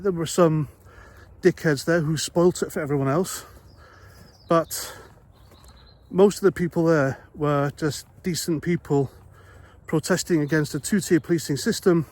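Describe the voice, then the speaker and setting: Here an ex-army vlogger from Wales speaks in a fairly high, slightly mellow voice with a Welsh accent. His monologue is blunt and conversational, an opinion piece full of rhetorical questions.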